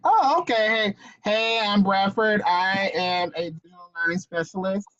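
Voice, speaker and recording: A man's voice: sits high, normal speed, a bit bright, no echo. Jovial man on a dull call line. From Texas. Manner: jovial, laughs often. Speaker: digital learning specialist. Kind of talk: casual video-call chat. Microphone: video call. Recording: dull dry video-call audio.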